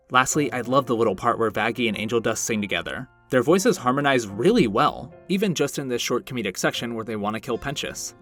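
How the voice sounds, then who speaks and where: A man giving scripted commentary as a video essayist, earnest, reflective and a little self-deprecating. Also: medium pitch.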